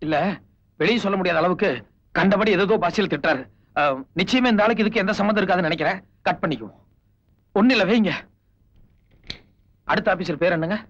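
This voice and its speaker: A quick, bright-voiced wry thief. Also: male voice, sits high. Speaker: thief turned helper. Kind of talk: film dialogue. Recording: dull lo-fi film audio with music.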